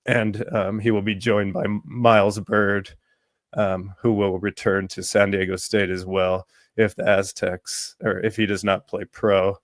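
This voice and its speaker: A man hosting a sports podcast in casual talk, his voice worn from allergies, halting with many ums and restarts. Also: lowish voice, flat delivery, no room sound. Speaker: podcast host.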